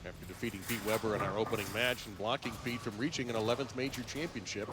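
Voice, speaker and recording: A man's voice: on the low side, steady tone, fast talker. An American man giving live play-by-play sports commentary as the announcer.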